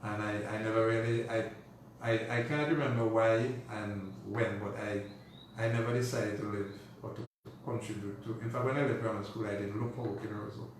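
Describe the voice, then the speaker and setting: Brisk and steady, with few pauses, this lowish male voice belongs to a Dominican-accented interview guest chatting in a loose, rambling way, peppering his talk with "you know." Captured on a far-off mic, the audio is noisy and heavily echoey.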